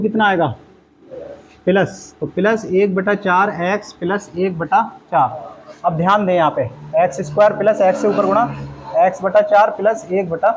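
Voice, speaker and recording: A man teaches a math class, working through each step aloud and firing questions at his students. His voice sits high. Faint classroom noise runs under the recording. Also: low-quality recording. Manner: explains steps aloud, quizzes the class with questions. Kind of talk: classroom lesson.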